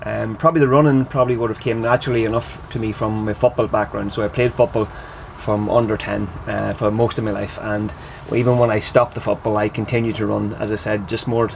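A man's voice: on the low side, little pitch movement, fairly quick, gravelly, few pauses. A man with an Irish accent chatting casually as an interview guest, recorded in the back of a van in a car park. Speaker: interview guest, triathlete and coach. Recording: background noise in a parked van.

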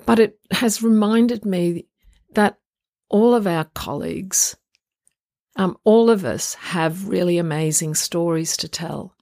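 A woman hosting a solo podcast in an informal, reflective and earnest way, her voice croaky from getting over the flu. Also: mid-range voice, dark tone, dry recording, clean studio sound. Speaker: podcast host.

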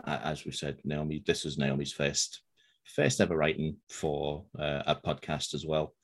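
A man from Liverpool speaks in a very low voice with a Scouse accent worn down by years in Scotland. He talks in a laid-back way, dry and self-deprecating as he chats about producing the podcast. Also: fairly even intonation, normal speed. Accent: Scouse softened by Scotland. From Liverpool, England. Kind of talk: casual chat.

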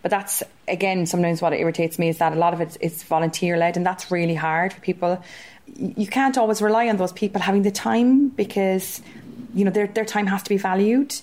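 A woman's voice: medium pitch, steady tone, a little fast, a little mellow. A woman talks in an ordinary mid-range voice. She is reflective and heartfelt, weighing her words about community work during a conversational podcast interview. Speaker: community arts organiser, guest.

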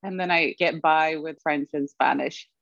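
A young woman raised in Sweden as an interview guest, reflective and quick to laugh. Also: deep voice, steady tone, vocal fry, fairly bright tone, dry recording, lo-fi sound. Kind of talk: conversational interview.

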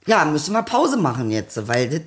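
A woman's voice: low-pitched, sing-song, normal speed, breathy edge. A woman co-hosting a casual chat, teasing her partner and laughing often.

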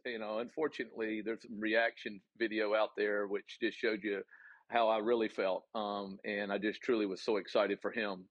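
A low-voiced man with a Southern US accent talks earnestly as a guest, pausing often on ums and restarting his sentences. The sound is dull and dry, like a remote call. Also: dry recording. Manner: earnest, many fillers and restarts. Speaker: college golf coach, guest. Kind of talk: casual interview answers.

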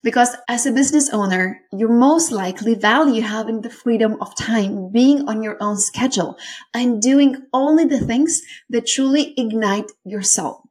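A woman's voice: a little high, normal speed, darkish tone. A woman in her thirties from Lithuania with a Lithuanian accent, hosting a solo business podcast in an earnest, effusive way. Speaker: podcast host. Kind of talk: warm solo podcast talk.

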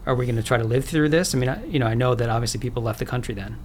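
A man's voice: medium pitch, racing, slight background noise. A man hosting a podcast, curious and chatty, with frequent restarts, narrating an intro and then interviewing. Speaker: podcast host.

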